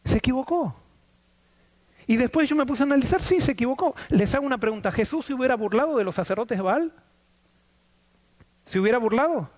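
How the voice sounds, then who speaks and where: Lively high-voiced preacher man. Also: a little fast, pauses often. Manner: asks the congregation questions and answers them. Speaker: pastor. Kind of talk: sermon. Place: church.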